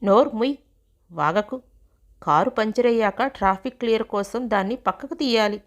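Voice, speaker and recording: Stern traffic cop barking at a driver, woman reading it out, fairly high voice, storybook telling. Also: moderate pace, dull audio, natural voice. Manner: barking orders, rebuking. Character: stern scolding male traffic policeman.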